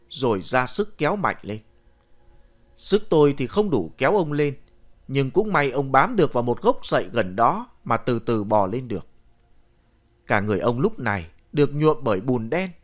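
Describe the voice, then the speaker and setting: Animated male ghost story narrator. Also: medium pitch. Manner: animated storytelling, shouting the boy's cries.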